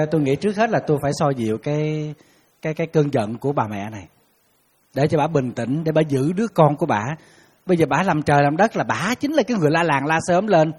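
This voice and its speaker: Husky monk preaching, bit high voice, jumps loud when he acts out callers. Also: long reverb tail. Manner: lively storytelling, acting out callers with sudden high bursts. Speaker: Buddhist monk giving a dharma talk. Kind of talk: sermon.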